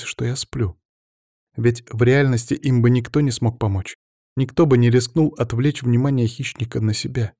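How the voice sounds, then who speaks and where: A man voicing an emotional young woman in an audiobook, raising his voice high and breaking into sudden exclamations. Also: darkish tone, no room sound, clean studio sound, lightly acted. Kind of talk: audiobook character voice.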